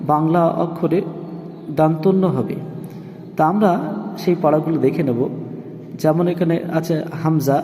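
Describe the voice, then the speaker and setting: A man's voice: fairly high pitch, dark tone, in a large hall. Man chanting Quran reading drills. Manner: rhythmic drilling of letter sounds, chanted. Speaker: Quran teacher. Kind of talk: recited Quran reading lesson.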